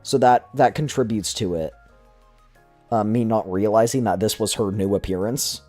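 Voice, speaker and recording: Husky young male streamer, rambling. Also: on the low side, moderate pace, a little mellow, soft background music. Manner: rambling, many fillers and restarts. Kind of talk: casual gaming chat.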